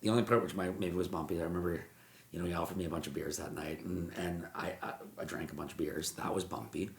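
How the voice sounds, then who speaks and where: A man, a mortgage broker, telling stories in a podcast interview, animated and repeating words as he acts out what people said. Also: low voice, fast, gravelly. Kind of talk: storytelling interview chat. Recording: roomy echo.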